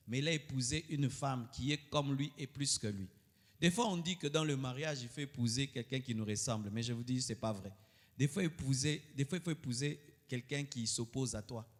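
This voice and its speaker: Man, pastor, sermon, fairly high voice, loud outbursts and quiet asides, long hall echo.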